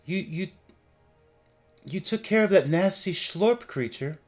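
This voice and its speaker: Man voicing an unearthly, gentle ghost woman, pitched up. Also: animated, measured pace, faint music behind. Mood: reassuring. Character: gentle, chatty female ghost in a cave. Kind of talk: tabletop game role-play.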